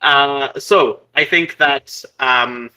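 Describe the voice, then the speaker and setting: A man's voice: medium pitch, very slow, sharp tone, smooth, rough recording. A man narrating a tabletop game as the game master, rambling with hesitant fillers.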